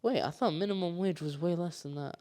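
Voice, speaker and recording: A man's voice: on the high side, brisk, a little mellow. A young man chatting on a podcast, asking curious questions and giving short replies. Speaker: podcast co-host. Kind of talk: casual chat.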